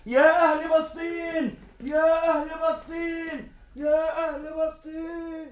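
An excitable messenger with an Egyptian accent. He declaims urgently at a fast pace in a very high voice, as in theatrical radio drama. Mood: jubilant, urgent. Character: excitable male messenger of revolution.

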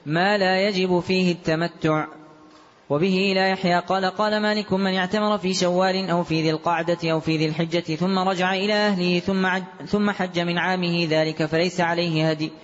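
A man reading a classical text aloud as a student, in a rapid, even recitation with occasional chanted tones. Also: high-pitched. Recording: dull lo-fi recording in a long-reverb hall.

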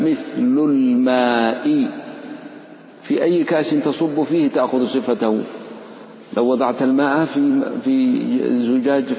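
A man's voice: medium pitch, mellow, a little hiss or hum. Man teaching recitation in an echoey hall. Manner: explains patiently, chants short recited examples. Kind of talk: lesson on tajweed rules. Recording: echoey hall, dull lo-fi sound.

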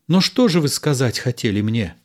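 A man reading a play aloud and voicing a passionate young noblewoman, pleading and tearful with a raised pitch. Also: big pitch swings, moderate pace. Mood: alarmed.

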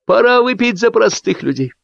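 A man reading an audiobook plays a pompous party guest who draws his words out in grand toasts. His voice sits higher than the reader's own and swings widely. The sound is dull and dry. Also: animated, normal speed, vocal fry, fairly bright tone, dry recording, exaggerated voice.

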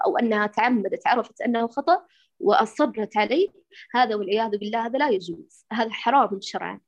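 A woman's voice: a little high, highs cut off. A woman instructor answering a student's question in a lecture, quoting verses and teaching lines. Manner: instructive, quotes verses and poems. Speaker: Quran recitation instructor.

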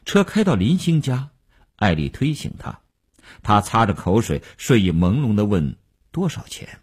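A man narrating a novel as an audiobook in a measured, expressive storytelling manner. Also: fairly low pitch, slightly rough.

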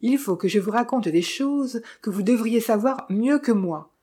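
A woman's voice: fairly high pitch, animated, moderate pace, warm tone, breathy edge, pitched above the performer's own voice. A woman doing a gossipy male village innkeeper. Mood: confiding. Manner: gossipy, teasing, confiding. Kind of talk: audiobook character voice.

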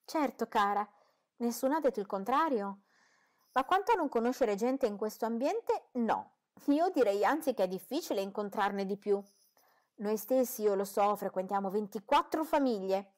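A woman reading an audiobook, voicing a fussy, boastful middle-aged mother who talks in a gushing, indignant way. She sounds a little higher and louder than her narration. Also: animated, normal speed, lightly acted.

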